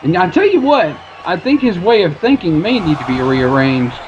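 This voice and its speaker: A man's voice: high-pitched, big pitch swings, normal speed, highs cut off, background noise. A male wrestling color commentator who sounds amused and hesitant and often restarts his sentences.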